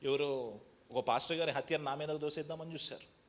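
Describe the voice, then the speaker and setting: A male pastor delivers an impassioned sermon, his bright, somewhat high voice climbing into loud calls before dropping to a hushed, confiding tone. English phrases come through. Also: a little fast. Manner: impassioned preaching that swings between loud, high exhortation and low, quiet testimony; mixes English phrases into the preaching.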